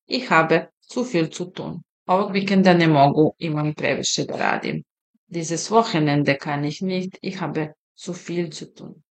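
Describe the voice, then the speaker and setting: A woman teaches German at an unhurried, deliberate pace, her voice a touch low. She says each example sentence slowly and carefully, then explains it in a relaxed, conversational way. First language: Serbian. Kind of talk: slow, deliberate language lesson.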